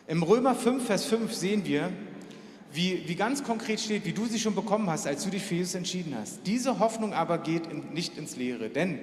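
A man's voice: animated, normal speed. A man preaching a sermon earnestly, speaking straight to his listeners and lifting his voice when he quotes prayers. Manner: earnest, direct address to listener, pitch swings when quoting prayers. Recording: echoey hall with faint ambience.

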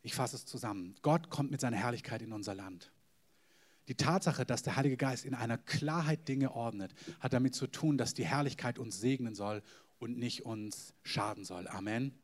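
A man preaching a sermon to a congregation, emphatic, with sudden loud stresses and hushed, whispered asides. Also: medium pitch, normal speed. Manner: addresses the congregation directly.

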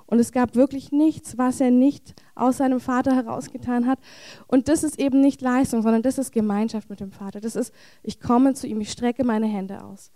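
A woman's voice: on the high side, steady tone, moderate pace, mellow, no room sound. A woman preaching a heartfelt charismatic sermon in a church, with earnest, repetitive phrasing.

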